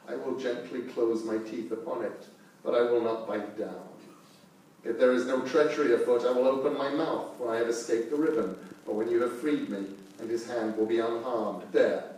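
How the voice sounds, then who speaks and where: A man's voice: medium pitch, a little mellow, lightly acted. A man voicing a huge, proud male wolf who speaks with growling, suspicious defiance. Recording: echoey room, distant mic.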